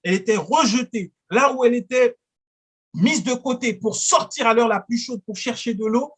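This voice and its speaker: High-voiced earnest male preacher. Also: normal speed, a bit bright, breathy edge. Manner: earnest preaching, acting out prayers and dialogues. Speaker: pastor. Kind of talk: sermon.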